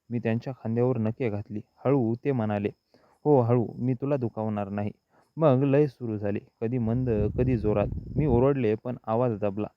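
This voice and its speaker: Man narrating a story, low-fi and dry. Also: no room sound. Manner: slow, even first-person storytelling. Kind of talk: scripted audiobook narration. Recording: dull, lo-fi dry recording.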